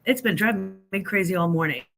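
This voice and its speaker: With a mid-range, slightly bright voice and a brisk pace, an older grandmother chats casually on her livestream. She rambles and pokes fun at herself while responding to viewers, sounding a bit stuffy from allergies.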